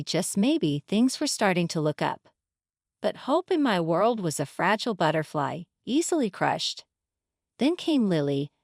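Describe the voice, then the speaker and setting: A woman's voice: mid-range voice, a little mellow, no room sound, studio quality. A woman reading a scripted first-person family drama in a dramatic storytelling manner. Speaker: narrator.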